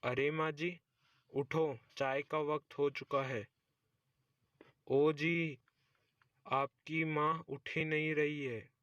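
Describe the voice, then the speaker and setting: A man's voice: on the high side, flat delivery, extremely slow, long pauses, fairly bright tone, no room sound, lo-fi sound. A man voicing a dutiful young daughter-in-law. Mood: worried. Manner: polite and obliging.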